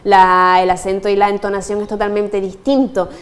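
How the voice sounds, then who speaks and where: A woman's voice: medium pitch, little pitch movement, moderate pace. A young adult woman teacher, explaining her views in an interview and laughing often. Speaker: German teacher.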